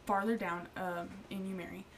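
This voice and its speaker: A woman telling a ghost story in casual podcast chat, pausing often with ums. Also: mid-range voice, steady tone. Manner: hesitant, many ums. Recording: distant mic with faint noise.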